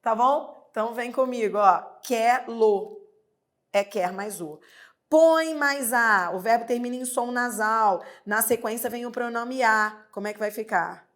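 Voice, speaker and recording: A woman's voice: fairly high pitch, fairly even intonation, moderate pace, few pauses, a bit bright. A woman with a Brazilian Portuguese accent teaching grammar in an online exam-prep lesson, stretching out her examples and asking rhetorical questions.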